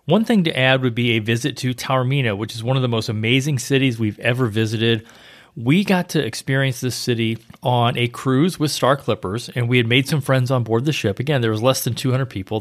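A man co-hosts a travel podcast in casual conversation. His voice sits at an ordinary middle pitch, and he explains destinations in an easygoing, informative way. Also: fairly quick. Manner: informative, chatty. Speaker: podcast co-host, travel agent.

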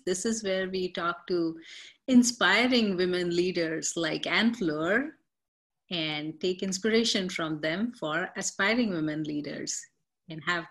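A woman's voice: medium pitch, fairly bright tone. A woman hosting an interview podcast, chatting in a conversational way and often saying "you know". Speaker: host.

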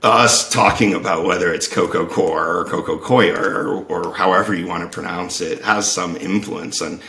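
A man explaining things at length in casual conversation, thoughtful and unhurried in his reasoning. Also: sits low, steady tone, vocal fry, pushed and bright. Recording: echoey room.

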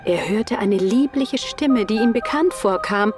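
A woman reads a fairy tale aloud in a slow, gentle storytelling way. Her voice sits somewhat high, and clear music plays underneath her the whole time. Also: lively intonation. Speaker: narrator. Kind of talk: storybook reading.

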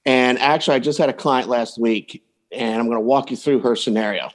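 A man with a mid-range voice talks fairly quickly as a coach appearing on a podcast. He hands out advice casually, chatting through anecdotes about his clients.

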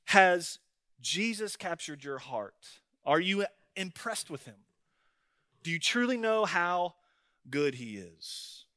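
Bright-voiced pastor, folksy sermon. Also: male voice, high-pitched, big pitch swings, takes it slowly, dry recording, studio quality. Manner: folksy storytelling, tags lines with "right?" and "man".

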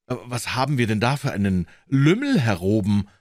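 A man voicing God as a stern, astonished old man who speaks in a measured, reproving way. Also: fairly low pitch, very animated, no echo, clean studio sound.

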